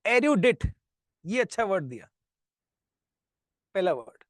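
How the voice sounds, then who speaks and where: Slow, high-voiced teacher dictating words. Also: male voice, lively intonation, a little mellow, dry recording, clean studio sound. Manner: slow, repeats each word, mixes Hindi and English. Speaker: vocabulary teacher. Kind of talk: live online class, dictating words.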